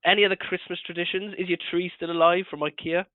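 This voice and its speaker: A British man in his thirties co-hosting a casual podcast, with sardonic, deadpan jokes. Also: sits high, fast talker, no echo. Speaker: podcast co-host. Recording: slightly dull, dry sound.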